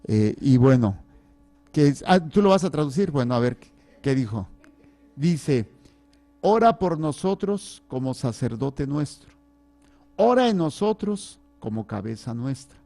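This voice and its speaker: A man, a priest, giving a relaxed Bible study, reading scripture aloud with fillers and asides to his listeners. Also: medium pitch, unhurried.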